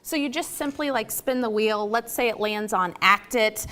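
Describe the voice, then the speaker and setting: A woman's voice: a little high, normal speed, pushed and bright. A woman, a lifestyle expert, enthusiastically showing products as a guest in a TV studio. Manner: bubbly, enthusiastic. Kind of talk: TV studio product demo chat.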